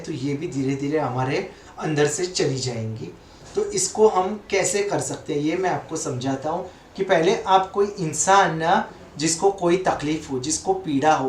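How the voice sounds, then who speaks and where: A man teaching and leading a guided meditation, speaking calmly and gently in drawn-out phrases with long pauses. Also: on the high side, slight background noise. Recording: echoey room, voice from far off.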